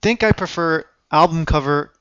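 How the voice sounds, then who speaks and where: A man's voice: on the high side, normal speed, fairly bright tone, clear, resonant tone, no echo, muffled recording. A man co-hosting a casual radio show, talking in an easygoing, joking way. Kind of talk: casual podcast chat.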